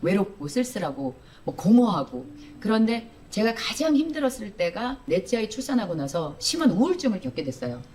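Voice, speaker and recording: A woman comedian telling her personal testimony in a played video clip, animated and acting out her own outbursts. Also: mid-range voice, brisk, hardly any pauses, slight background noise.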